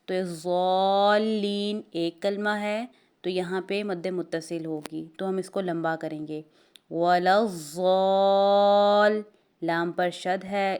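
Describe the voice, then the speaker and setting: Woman slowly teaching Quran recitation rules. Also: mid-range voice, clean tone. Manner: methodical, spells out letters and vowels, chants verses slowly. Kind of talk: Tajweed lesson with slow recitation.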